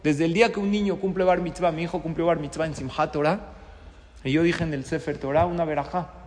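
A middle-aged rabbi gives a sermon in a synagogue study hall, telling a story packed with rhetorical questions. His voice is fairly high and darkish, fast, with fairly even intonation, and the hall adds long reverb.

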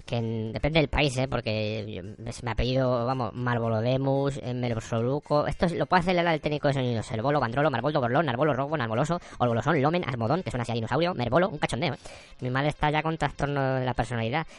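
A man playing a boastful, silly male dark wizard lord, rambling and joking in a comedy sketch interview. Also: medium pitch, fast talker, close to an everyday voice.

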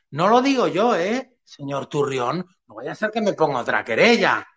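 A man's voice: fairly high pitch, fairly bright tone, echoey room. A man hosting a political commentary livestream, talking in a sarcastic, mocking way and addressing his target directly. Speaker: stream host.

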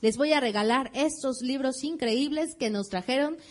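A woman's voice: sits high, moderate pace. A woman with a Mexican accent hosting a children's radio show in an auditorium, energetically coaxing the kids to join in. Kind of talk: lively hosting before a child audience.

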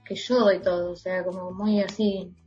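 A woman's voice: on the low side, flat delivery, moderate pace, darkish tone, highs cut off, faint music behind. A woman singer with an Argentine Spanish accent, chatting casually as an interview guest, laughing often and using many fillers.

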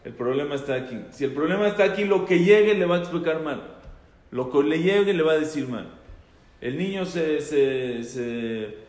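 A man's voice: a little high, lively intonation, normal speed, darkish tone. A man, teaching an informal religious class to a group. He talks conversationally, repeats phrases for emphasis and asks his listeners questions. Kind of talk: informal Torah talk to a group. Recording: echoey hall with long reverb.

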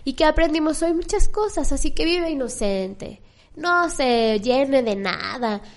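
A woman's voice: high voice, lively intonation, a little slow. Chatty woman hosting a show. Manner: chatty, storytelling. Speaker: podcast host. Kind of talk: casual chat.

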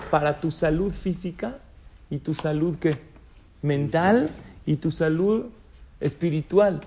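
A man's voice: a little high, gravelly, dark tone, a little hiss or hum. Man teaching a Torah class, asking and answering. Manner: questions the audience and answers himself, light jokes. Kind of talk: Torah lesson in Spanish with Hebrew terms.

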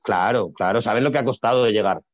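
A man, a retired gymnast explaining his career in a relaxed, blunt, colloquial way during a casual interview. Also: on the low side, fast talker, no room sound. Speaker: retired Olympic gymnast, guest. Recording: dry, slightly dull sound.

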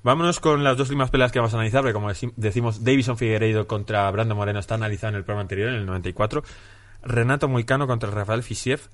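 Fast-talking low-voiced man. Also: no room sound. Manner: animated, retells fights with acted-out quotes. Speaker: podcast host. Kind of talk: casual MMA fight analysis.

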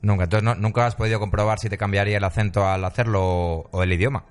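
Lower-voiced man asking curious questions. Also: fairly even intonation, quick pace, smooth. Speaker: host. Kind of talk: casual interview.

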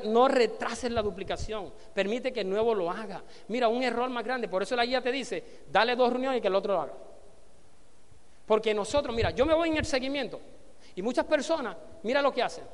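Guy giving a pep talk at a business seminar, preachy, gets the crowd repeating after him, echoey hall sound. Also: very high-pitched. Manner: preachy, quizzes the audience and has them repeat after him. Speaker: network marketing trainer speaking to an audience.

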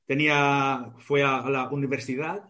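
A man in his forties from Australia, a native English speaker, talking as a guest in a casual interview and pausing to search for Spanish words. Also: mid-range voice, little pitch movement, pushed and bright.

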